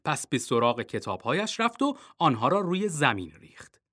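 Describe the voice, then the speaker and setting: A man reading a children's storybook aloud, expressive and dropping low for suspense. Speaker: narrator.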